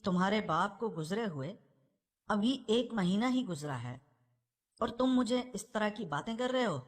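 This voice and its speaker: A woman voicing a widowed middle-aged mother in a novel, who speaks in a sharp, defensive way. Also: medium pitch, lively intonation, close to an everyday voice.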